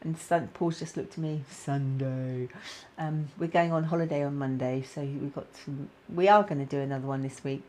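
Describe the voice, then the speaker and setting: A middle-aged woman with a British accent hosting a casual live-stream chat, talking warmly to viewers with plenty of fillers. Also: extremely low pitch, normal speed, a little hiss or hum. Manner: chatty, many fillers, reads out viewer comments. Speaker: spiritual guidance host.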